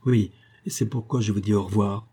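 A man's voice: lowish voice, steady tone, creaky, dark tone, slightly rough. A man reading a bitter young officer. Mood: grave. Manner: grave, measured, growing harsh.

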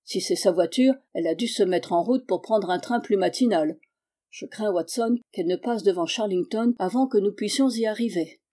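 Brisk male detective read by a woman, clipped and decisive, mellow-toned storybook reading. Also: medium pitch, lightly acted. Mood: calm.

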